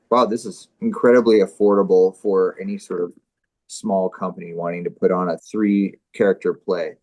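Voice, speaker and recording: On a comedy show, a man with a voice on the low side banters casually and reads through a script in a deadpan, mock-serious way.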